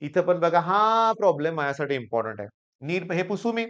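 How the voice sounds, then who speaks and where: A man with a Marathi accent teaching physics for an exam, hoarse from a sore throat, coaxing his students and repeating the key points. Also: a little high, lively intonation, fairly quick, a bit bright, dull audio. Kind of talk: exam-prep lecture.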